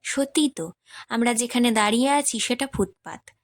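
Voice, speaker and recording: A woman narrating a literary short story as an audiobook, in a measured, expressive reading. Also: fairly high pitch, no room sound.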